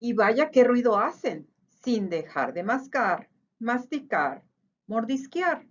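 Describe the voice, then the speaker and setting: A woman reading a children's picture book aloud in an expressive, sing-song way. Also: fairly high pitch, takes it slowly, muffled recording. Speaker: storyteller.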